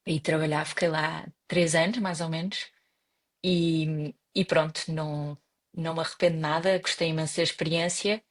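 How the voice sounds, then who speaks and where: A young woman from Portugal speaks with a European Portuguese accent in a fairly low voice. She answers interview questions in a relaxed, conversational way, with frequent pauses and restarts. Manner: hesitant, many restarts and fillers. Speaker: guest.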